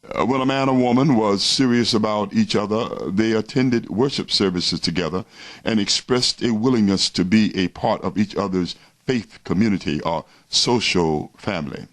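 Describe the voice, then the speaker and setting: A man preaching a fire-and-brimstone sermon as a stern religious zealot, moralizing in deliberate, emphatic lists. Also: on the low side.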